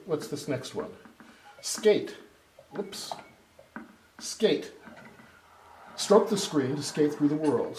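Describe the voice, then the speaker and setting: This man's voice is fairly high-pitched with a darkish tone as he casually demos a product live, breaking into exclamations and wandering off on distracted tangents. It's recorded from a distant mic in an echoey, noisy room full of clatter.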